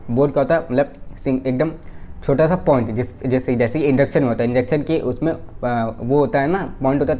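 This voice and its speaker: A man's voice: mid-range voice, dark tone, slight background noise. A young man with an Indian English accent teaching a physics lesson step by step, asking questions and answering them himself. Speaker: physics tutor.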